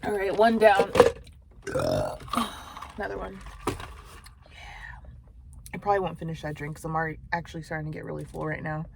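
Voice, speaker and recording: A woman's voice: deep voice, flat delivery, brisk, gravelly, pauses often, noisy background. Young woman's slangy, profane car chat. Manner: slangy and profane, often drops to a near whisper. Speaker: mukbang vlogger. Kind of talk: casual chat while eating. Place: parked car.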